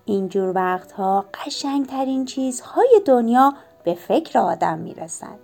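A woman reads a children's story aloud in a lively, expressive way. Her fairly high voice swings up and down as she narrates. Soft music runs underneath. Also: vocal fry.

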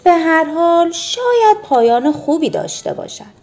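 Lady reading a soft sad dad in a storybook, mellow, slow. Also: extremely high pitch, very animated, voice pushed up. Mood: musing. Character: gentle, sad-hearted father.

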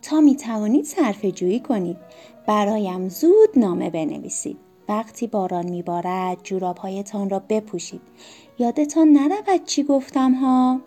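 A woman's voice: mid-range voice, expressive, dark tone, faint music behind. A woman voicing a loving mother who fusses with reminders, in a storybook reading. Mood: fussing. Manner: insistent, caring reminders.

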